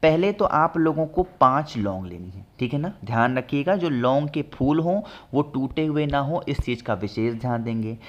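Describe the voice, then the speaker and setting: A man who presents astrology remedies talks at a moderate pace with few pauses, his medium-pitched voice expressive though the audio sounds dull. In a chatty instructional talk with a product pitch, he explains home ritual remedies, speaks straight to viewers, and keeps repeating "ठीक है ना" to check in.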